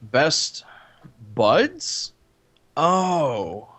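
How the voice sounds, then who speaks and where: A man voicing a pompous, awkward geeky young man in an amateur voice drama, speaking in a stiff, lowered voice. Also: huge pitch swings, extremely slow, fairly bright tone, full character voice.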